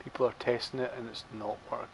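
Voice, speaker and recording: A man talks his way through a live game stream in a rambling, chatty way. He drops dry, sarcastic asides now and then. Faint game sounds run quietly beneath his voice. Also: medium pitch, level tone, fast, gravelly, slight background noise, low-quality recording. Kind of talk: live gameplay commentary.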